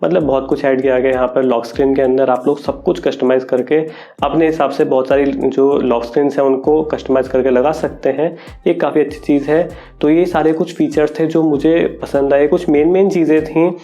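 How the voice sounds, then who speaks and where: Mellow-voiced man in a tech vlog. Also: a little high, a little fast, faint music behind. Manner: chatty, relaxed, thinks aloud with fillers. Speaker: tech YouTuber. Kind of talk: casual explainer vlog. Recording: dull lo-fi audio.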